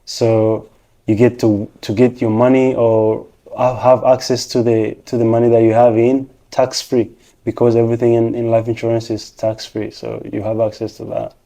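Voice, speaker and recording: Man, very dark mellow tone, patient explainer, interview guest. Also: mid-range voice, little pitch movement, normal speed. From Rwanda. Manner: patient, explanatory, steps through points one by one. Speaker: interview guest, technician and financial professional. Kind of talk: casual interview answers.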